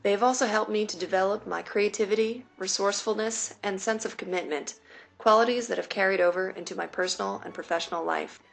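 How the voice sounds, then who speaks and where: A late-20s woman from New York City, whose first language was Mandarin Chinese, reads a personal essay aloud at a measured, deliberate pace. Her mid-range voice is gravelly, with fairly even intonation.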